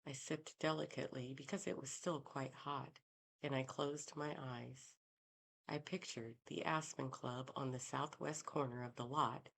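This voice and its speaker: A woman narrating a first-person mystery audiobook in a calm, even storytelling manner. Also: rumbling low, creaky.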